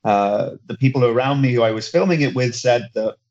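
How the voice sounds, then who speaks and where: Speaking briskly on a podcast, this man works as a football reporter and talks in German, which isn't his native tongue. His medium-pitched voice has a darkish tone over lo-fi audio, and he rambles excitedly, frequently starting sentences over.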